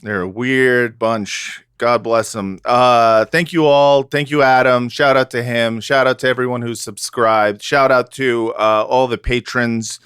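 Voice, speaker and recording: Male comic podcast co-host, mid-pitched, rambling banter, dry close mic. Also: steady tone, a little slow, few pauses, a bit bright, clear, resonant tone, no echo. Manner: joking, rambling with fillers. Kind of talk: casual comedic podcast chat.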